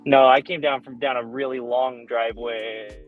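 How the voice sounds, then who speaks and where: A man's voice: medium pitch, fairly even intonation, normal speed, narrow, tinny audio, soft background music. A man chatting casually with a friend on a stream, joking in a profane way and laughing often. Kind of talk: casual chat.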